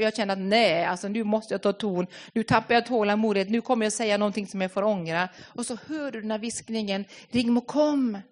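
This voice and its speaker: A woman preaching a sermon, earnest and personal, often repeating words as she searches for the next phrase. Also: on the high side.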